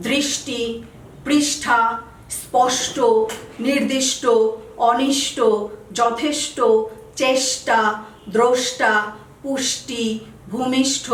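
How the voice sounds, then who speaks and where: A woman's voice: sits high, roomy sound, far from the mic, low-quality recording. A woman teacher explaining spelling rules to students, carefully listing example words one by one and stressing key points.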